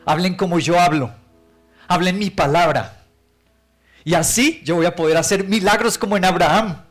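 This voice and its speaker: God, a loving father, speaks a plain, firm command, as a preacher puts him on. The voice is fairly high for a man. Faint music plays behind. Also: normal speed.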